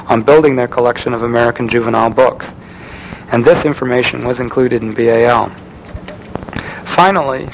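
A man giving a prepared lecture, reading in a measured way with occasional restarts. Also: medium pitch, a little hiss or hum, poor audio.

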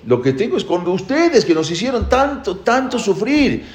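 A man telling a parable in an animated way, emphatic and repetitive, often restarting his sentences. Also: high voice, moderate pace. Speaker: guest telling a religious parable. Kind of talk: animated storytelling. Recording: echoey room.

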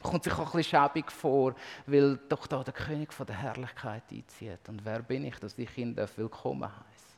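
Passionate preacher in a reverberant hall. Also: male voice, medium pitch, fairly even intonation, a little fast, gravelly. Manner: impassioned, swelling to loud emphasis then dropping to near-whispers. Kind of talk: sermon.

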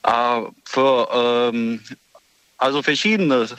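A man from Frankfurt calling in to a radio show over the phone, talking in a hesitant, halting way full of fillers. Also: mid-range voice, fairly bright tone, clean tone, no room sound, low-quality recording. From Frankfurt, Germany. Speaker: radio call-in caller. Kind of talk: casual phone chat.

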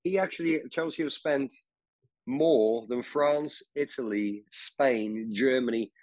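A man's voice: medium pitch, slow, a little mellow, no room sound. A British man co-hosting a casual football podcast, bantering and giving blunt opinions in colloquial language. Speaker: podcast co-host.

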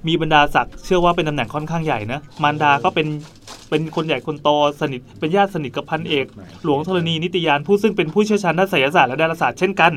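A man's voice: fairly high pitch, fast, a bit bright. A man hosting a podcast, telling a story in a casual, chatty way with frequent repeated words. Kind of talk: casual group chat.

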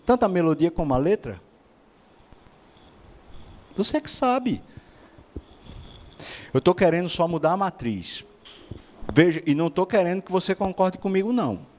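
A man's voice: on the high side, darkish tone. A man preaching a sermon, asking rhetorical questions and acting out other people's voices.

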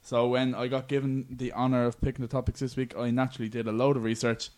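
A man with an Irish accent hosts a sports chat show. His voice sits at an ordinary middle pitch, and he talks informally, with plenty of banter. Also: level tone, fast talker, a little mellow. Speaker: podcast host.

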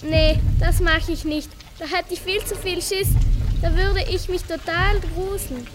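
A woman reading the part of a timid boy whining that it is too dark to go outside. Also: very high-pitched, fairly even intonation, measured pace. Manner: whiny, fearful.

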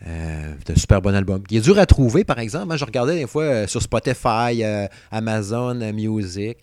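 A thirties-aged co-host from Saguenay, Quebec, with a Québécois French accent speaks briskly in a lowish voice, recorded at studio quality with no echo. On the casual chat podcast he's animated and joking about old songs, humming little snippets as he goes.

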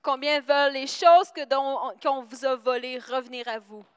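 A woman's voice: high voice, normal speed, clear, resonant tone, long reverb tail. A woman with a Quebec French accent interpreting a sermon live, matching the preacher's rising intensity with small hesitations. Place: church hall.

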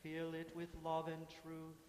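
A man intones a slow litany in a single unchanging line, his slightly high voice barely moving. Long reverb fills a large church around him, with faint ambience behind. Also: a little hiss or hum. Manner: slow, measured, monotone intoning. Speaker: worship leader. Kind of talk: chanted litany prayer. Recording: echoey hall, mic from afar.

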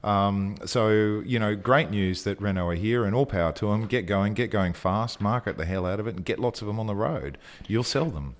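A man's voice: fairly low pitch, normal speed, few pauses. A man co-hosting a casual podcast chat, talking with enthusiasm and getting a little breathless as he gushes. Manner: enthusiastic, gushing, breathless at times. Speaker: co-host.

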